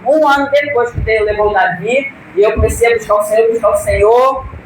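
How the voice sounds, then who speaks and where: Brazilian woman, church testimony, fervent, voice pushing toward shouts; picked up from afar in a booming hall with background noise. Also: fairly quick. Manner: fervent, voice swelling to near-shouts. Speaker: church member giving testimony. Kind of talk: emotional religious testimony. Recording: echoey hall, distant mic, background noise.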